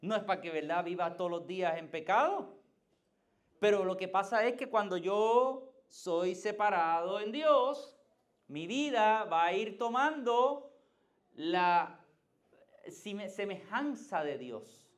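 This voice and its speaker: With a Puerto Rican Spanish accent, a male pastor from Puerto Rico speaks slowly in a voice that sits high, with lively intonation. He preaches conversationally, asking his congregation questions as the sermon builds to emphatic peaks.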